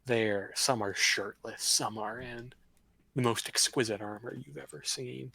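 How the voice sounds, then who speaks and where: A man narrates a tabletop campaign as the game master on a livestream. His voice is gravelly and a little husky. He tells the story loosely, drifting through fillers and asides. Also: medium pitch, measured pace, sharp tone, poor audio. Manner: casual, rambling narration with fillers.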